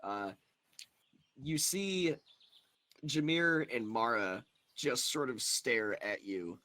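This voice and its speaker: A man's voice: mid-range voice, animated, slow pace, pushed and bright. A young man narrating as game master of a tabletop game, chatty and loose, laughing often.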